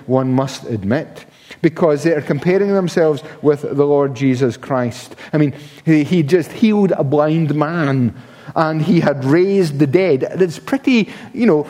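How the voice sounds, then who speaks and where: A man's voice: fairly high pitch, darkish tone. A man preaching a sermon in an emphatic manner, often restarting his words. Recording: long reverb of a large hall.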